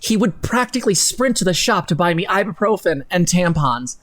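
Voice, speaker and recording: Sitting indoors at a computer, a live stream co-host hams up a sarcastic, theatrical reading of some text, interrupting himself with casual cursing. His mid-range voice moves with lively intonation and runs a little fast.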